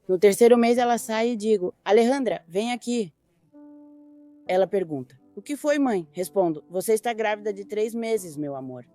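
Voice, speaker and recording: A mother recounting her family's story in a quiet, intimate documentary testimony. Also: mid-range voice, moderate pace, soft background music. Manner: quiet, intimate retelling with quoted dialogue. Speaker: grieving mother interviewed.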